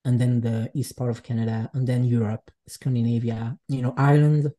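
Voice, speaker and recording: Swiss man, dark mellow voice. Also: mid-range voice, little pitch movement, fairly quick. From Switzerland. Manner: reflective, searching for words, speaks English as a second language. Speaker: guest artist. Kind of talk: casual conversation.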